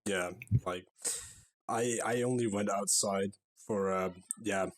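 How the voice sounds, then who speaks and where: A man's voice: on the low side, fairly even intonation, slow pace. A man co-hosting a podcast in casual chat, blunt and swearing freely. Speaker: podcast co-host.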